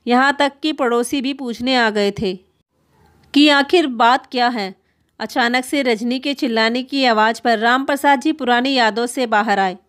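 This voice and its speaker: Woman narrating a family story. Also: a little high. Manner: steady, earnest storytelling. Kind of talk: scripted narration.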